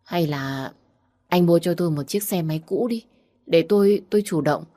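A woman reading a first-person story aloud with earnest, heartfelt delivery. Her voice is notably low for a woman. The reading is steady and sincere. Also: normal speed. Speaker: audiobook narrator.

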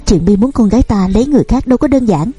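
A scolding, grieving mother of advanced years, insistent and firm. Her voice is dark and husky, close and dry, as a woman storyteller reads her. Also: fairly high pitch, lively intonation, racing, dry recording, faint music behind.

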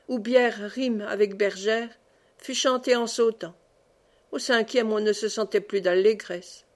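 A woman reading a classic novel aloud in a measured, expressive way. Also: on the high side. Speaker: audiobook reader.

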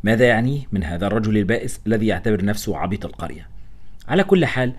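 Male audiobook narrator, lowish voice, quick, expressive, wry. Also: husky. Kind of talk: audiobook reading of a novel.

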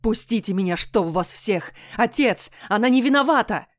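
A woman's voice: mid-range voice, normal speed, darkish tone, dry recording, lightly acted. A desperate young prince, crying out and begging in a raised, anguished voice, as read by a woman. The recording is close and dry, like a home audiobook booth. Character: desperate young prince pleading for his beloved. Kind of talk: audiobook character voice.

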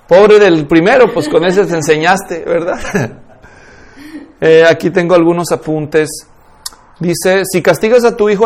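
High-voiced man teaching a church class. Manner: lively, rhetorical questions to audience.

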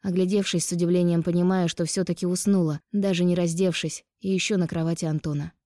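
Woman narrating a novel in a dark voice. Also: lowish voice, flat delivery, fast talker, no echo, studio quality. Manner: intense, emotional storytelling. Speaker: audiobook narrator. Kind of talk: first-person novel narration.

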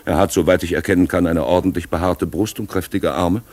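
An actor playing an urbane, mocking gentleman with a languid, ironic and cultivated way of talking, in an old radio drama. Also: deep voice, steady tone, fairly quick.

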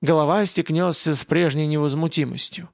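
A man narrating an audiobook in an even, measured reading style. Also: fairly high pitch, vocal fry.

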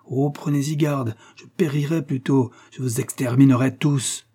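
A man reading a storybook, voicing a proud, impoverished old nobleman who shouts in furious, impassioned outbursts. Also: medium pitch, fairly even intonation, moderate pace, husky, pitched above the performer's own voice, lightly acted.

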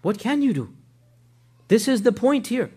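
A man giving a weekly religious history lecture in an animated way, often asking his listeners rhetorical questions and weaving in Arabic religious phrases. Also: very high-pitched, a little slow, husky.

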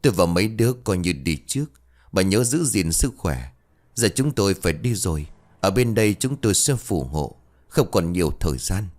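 A man voicing the ghost of a dead husband who says a soft, apologetic farewell. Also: sits low, very animated, normal speed. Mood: sorrowful.

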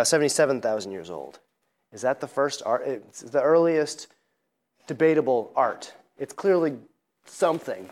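A man giving a classroom lecture, rambling with many fillers and joking asides. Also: medium pitch.

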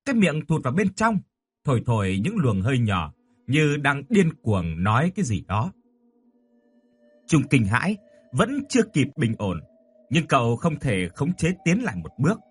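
A man narrates a horror audiobook with a husky voice. His delivery is dramatic and expressive. His pitch rises and falls with lively movement throughout. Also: normal speed.

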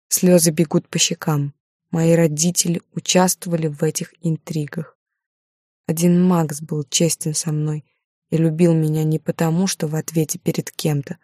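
A woman's voice: fairly low pitch, dark tone, no echo, studio quality. A woman narrating a first-person novel in an emotional, dramatic way. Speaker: audiobook narrator.

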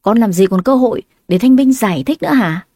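Brief: shrill whiny schemer, young woman, dry close sound, read by a woman narrator. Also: animated, fairly quick, mellow, no echo. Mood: indignant. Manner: whining, shrill when pleading.

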